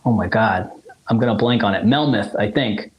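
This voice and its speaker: With a lowish voice at a moderate pace, this man, a South African musician in his forties and native Zulu speaker, recounts his family history during a casual interview. He rambles, laughs frequently, and keeps starting over. The audio sounds dull.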